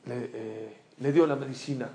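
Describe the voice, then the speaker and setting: A man who tells a teaching story in a sermon, animated and swinging between loud and hushed. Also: mid-range voice, normal speed. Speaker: religious teacher.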